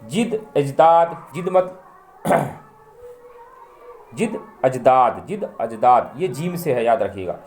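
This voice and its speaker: A man teaching a spoken grammar lesson, reading out word pairs one by one and repeating them slowly and deliberately for learners. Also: on the high side, darkish tone, reverberant. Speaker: language teacher.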